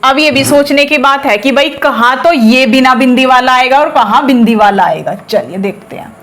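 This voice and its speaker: A woman teaching a spelling lesson to students, patiently explaining and repeating words slowly to drill their pronunciation. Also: high-pitched, fairly bright tone. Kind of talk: classroom lesson on a whiteboard.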